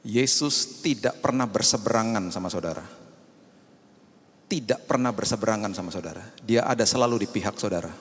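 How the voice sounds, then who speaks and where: Animated male pastor preaching in a reverberant hall. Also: on the low side. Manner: animated preaching, rising to loud emphatic peaks, acting out small dialogues. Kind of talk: sermon. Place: church hall.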